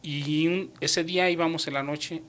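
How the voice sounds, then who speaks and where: Animated man telling his testimony. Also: on the high side, normal speed, slight background noise. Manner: animated, acts out dialogue in his retelling; drops English words into his Spanish. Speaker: guest giving a faith testimony. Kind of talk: personal testimony storytelling.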